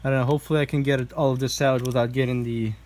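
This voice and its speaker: A man vlogging casually while he works on a motorbike indoors, talking with a relaxed manner and thinking aloud with fillers. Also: mid-range voice, racing. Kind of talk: casual commentary while working. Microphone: camera mic, handheld then set down.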